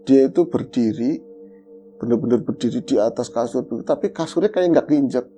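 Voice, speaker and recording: A man telling a true horror story in casual chat, animated as he acts out his own calls and growls. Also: medium pitch, moderate pace, soft background music. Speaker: guest storyteller.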